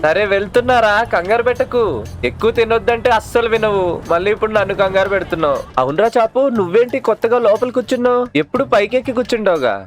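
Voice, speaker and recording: A man's voice: high-pitched, fast, soft background music, lightly acted. A man voicing a fussy, flustered uncle looking after kids in a cartoon dub. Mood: scolding. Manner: scolding, flustered.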